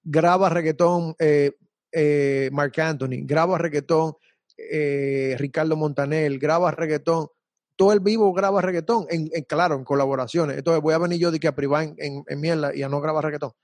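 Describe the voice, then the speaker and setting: A young man talks in a loose, slangy way, often repeating himself as he makes his point. His voice sits a little high for a man. The sound is dry and close. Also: fairly even intonation, normal speed, a little mellow, no echo. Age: young adult. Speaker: salsa singer guest. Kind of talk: casual interview chat.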